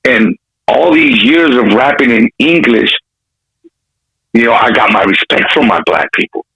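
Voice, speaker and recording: Telling lively stories during a relaxed interview, this Compton-born rapper talks with an urban LA accent, streetwise slang, and lots of cursing. His mid-range voice swings hugely in pitch and moves a little slowly, sounding creaky, pushed, bright, and slightly rough over poor audio.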